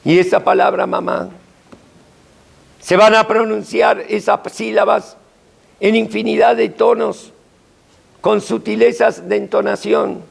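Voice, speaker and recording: Gravelly, slow-speaking older rabbi. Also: male voice, fairly even intonation. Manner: dramatic, emphatic storytelling with sudden pitch swings. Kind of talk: sermon.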